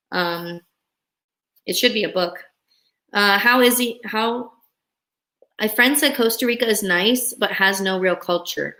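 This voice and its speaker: Young woman, relocation consultant, chatty and upbeat, clear bright tone, mid pitch. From Russia. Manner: upbeat, chatty, reads viewer comments aloud. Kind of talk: live stream chat with viewers.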